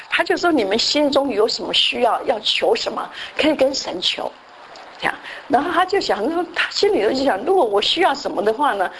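A woman's voice: high-pitched, a bit bright, slight background noise, rough recording. A woman giving a sermon, telling a story and often slipping in English words. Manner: frequent "好" fillers and restarts. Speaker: church speaker.

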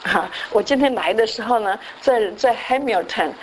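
A woman gives a sermon as a long told story. Her voice sits a little high, and she keeps dropping English words into her speech. A faint noise runs under the recording. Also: moderate pace, low-quality recording. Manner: frequent "好" fillers and restarts. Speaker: church speaker.

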